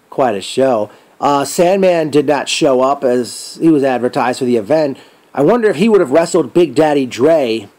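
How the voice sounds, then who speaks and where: A man giving a casual spoken event recap as a fan, rambling and thinking aloud with trailing pauses. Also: mid-range voice, a little mellow.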